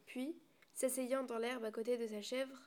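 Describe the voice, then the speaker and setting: A woman reading a storybook aloud at a steady pace, with small restarts now and then. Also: a little high, measured pace.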